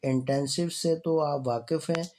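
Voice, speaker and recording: Slow-paced man teaching English. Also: on the high side, steady tone, darkish tone, slight background noise. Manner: slow, explains step by step, reads examples aloud drawn out. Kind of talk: recorded lecture over slides.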